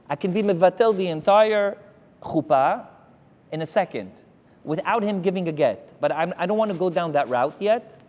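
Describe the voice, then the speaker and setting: A man, a rabbi, giving a Torah lecture to his congregation and telling stories with animated energy. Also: high-pitched, long reverb tail. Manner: animated storytelling, addressing the crowd directly.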